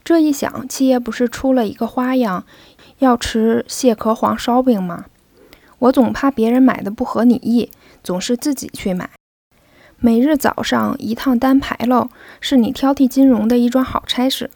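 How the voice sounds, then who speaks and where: A woman's voice: on the high side, steady tone, normal speed, gravelly, darkish tone, no room sound. A woman voicing a sly, joking male servant who banters with his young master, in a storybook reading. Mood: bantering. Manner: cheeky, bantering.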